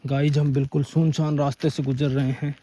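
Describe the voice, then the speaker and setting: A man with a hoarse, scratchy throat narrating a casual outdoor vlog as he walks over dunes and up a forested hill, chatting to his viewers. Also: a little high, little pitch movement, a little fast, mellow. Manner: chatty, keeps calling viewers "brother". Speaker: vlogger.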